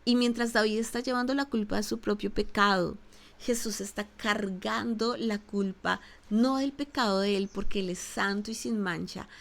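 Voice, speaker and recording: A woman pastor from Colombia preaching a sermon, repeating lines for emphasis and speaking straight to her listeners. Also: medium pitch. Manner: preaching with emphatic repetition and direct address.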